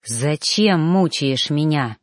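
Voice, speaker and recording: A woman voicing a possessive young male lover in a storybook reading, talking low and intense. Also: sing-song, measured pace, dry recording, clean studio sound. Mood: menacing whisper.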